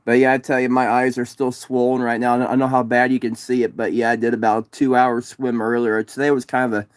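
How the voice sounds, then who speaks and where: This livestreamer and distance swimmer, tired and sunburned, chats from his parked car and reads viewer comments, rambling and going over the same points. He talks fast in a smooth, mid-range voice with flat delivery. The recording is studio quality with no echo.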